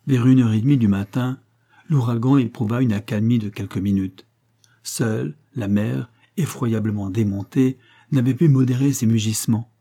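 A man reads an adventure novel aloud in scripted audiobook narration, measured and dramatic. His voice is husky and mellow, with a warm, relaxed tone. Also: medium pitch.

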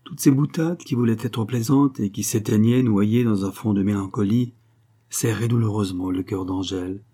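A man narrating a classic novel as an audiobook, in a measured, expressive storytelling manner. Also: fairly low pitch, husky. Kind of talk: literary narration.

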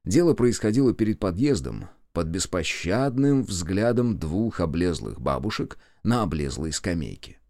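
A man's voice: low voice, very animated, moderate pace, hardly any pauses, a little mellow, dry recording. A man narrating a first-person story with wry, dry humor, recorded close in a studio. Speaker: audiobook narrator.

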